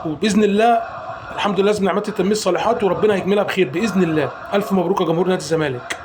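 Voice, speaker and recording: A man with an Egyptian accent giving an emotional, rapid-fire football fan reaction after a match, calling out the players one by one. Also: sits high, noisy background. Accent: Egyptian Arabic.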